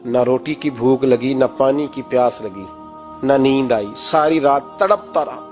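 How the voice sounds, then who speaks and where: A man preaching a sermon and telling a moral story, with dramatic swings between loud emphatic peaks and hushed passages. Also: medium pitch, measured pace, faint music behind.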